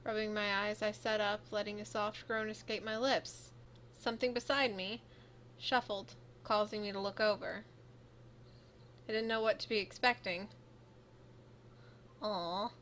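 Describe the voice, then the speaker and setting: A young adult woman streamer reading a visual novel aloud, expressive as she voices the heroine and reacts. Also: medium pitch, measured pace, long pauses, slight background noise.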